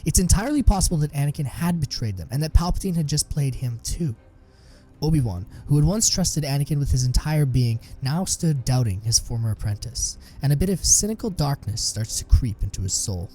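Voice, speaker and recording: A man giving scripted narration of a sci-fi story in an even storytelling manner. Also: on the high side, fairly quick.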